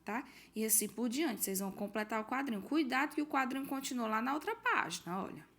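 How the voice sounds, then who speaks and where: Speaking fast in a slightly high, sing-song and somewhat bright voice, a Brazilian woman teacher walks her pupils through a worksheet. She stays patient and explanatory, reading each question aloud and giving hints in this recorded homework walkthrough.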